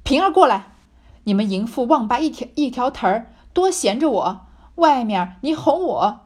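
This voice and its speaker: A woman's voice: animated, moderate pace. A woman reading aloud in the voice of a furious, drunk, jealous noblewoman who scolds shrilly in a classic-novel reading. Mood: furious scolding. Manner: shrill scolding, rising and loud.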